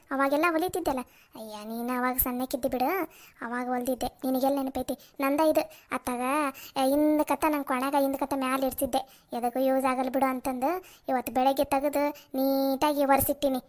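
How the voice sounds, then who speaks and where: A woman's voice: high voice, fairly even intonation, fairly quick, lightly acted. Woman voices cartoon village aunt, chatty rustic charm. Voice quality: broad rustic dialect, homely chatter. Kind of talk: cartoon voice acting.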